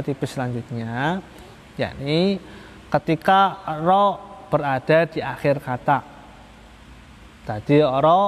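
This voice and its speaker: Patient man teaching in a reverberant hall. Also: on the high side. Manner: patient, repetitive, stretches out example words slowly. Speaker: Quran recitation teacher. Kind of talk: religious study lesson.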